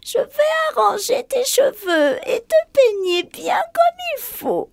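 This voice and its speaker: A man putting on a creaky high old witch. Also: sing-song, slow pace, no echo, heavily acted. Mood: coaxing. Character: cackling old witch peddler woman, wheedling and cruel. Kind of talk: storybook reading.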